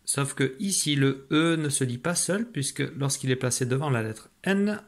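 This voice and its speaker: An animated man with a mid-range voice gives young children a phonics lesson on French letter sounds. He spells out letters and syllables slowly, staying patient and encouraging, and praises the listener.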